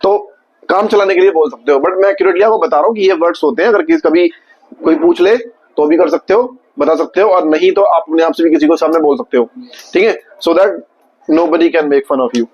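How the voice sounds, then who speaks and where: A male teacher giving a classroom vocabulary lesson, quizzing his students and slowly repeating each word. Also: fairly high pitch, lo-fi sound.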